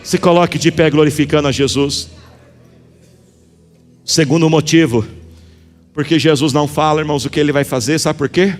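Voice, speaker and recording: High-voiced Brazilian pastor preaching. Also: male voice, fairly even intonation, moderate pace, pauses often. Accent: Brazilian Portuguese. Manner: emphatic, addresses the congregation directly. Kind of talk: sermon. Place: church sanctuary. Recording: reverberant church hall with music.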